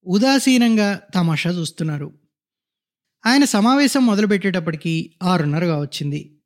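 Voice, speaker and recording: A man reading a short story aloud in a measured, descriptive narration. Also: high voice, expressive.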